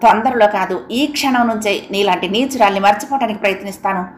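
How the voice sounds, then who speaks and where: A woman's voice: mid-range voice, fast, slight background noise, close to an everyday voice. Woman reading a bitter jilted young man. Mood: angry, bitter. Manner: bitter, scornful pleading. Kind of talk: audiobook character reading. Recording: roomy echo.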